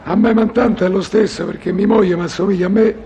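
A slow-witted, soft-hearted old-school boxer from a comedy sketch in broad Roman dialect. His voice sits high and crackles with fry, halting and muddled, over faint noise. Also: fairly even intonation. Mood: earnest, confused. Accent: Roman Italian dialect. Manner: slow-witted, halting, repetitive, easily confused. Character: dim, sentimental, punch-drunk retired male boxer. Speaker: comic character. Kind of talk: comic sketch dialogue.

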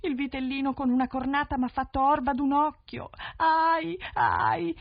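A woman's voice: high-pitched, animated, normal speed, no room sound, voice pushed up. A woman voicing a scheming young stepsister who fakes an injury with whining, wailing cries, in a dull 1970s radio recording. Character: false one-eyed stepsister, whining and wailing.

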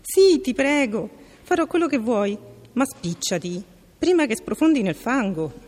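A woman voicing a spoiled, bossy young princess who exclaims in a shrill voice, in a reverberant room. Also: sing-song, normal speed, darkish tone. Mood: pleading.

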